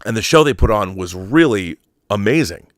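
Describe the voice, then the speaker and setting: An American man hosts a livestream in a lowish, expressive voice at a normal pace, recorded dry with studio quality. He rambles casually and opinionatedly while reading viewer comments, repeating phrases for emphasis.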